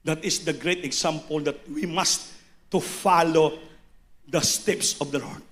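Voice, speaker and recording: A man preaching a sermon, impassioned, swinging between shouted lines and hushed low passages. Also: fairly even intonation, slow pace.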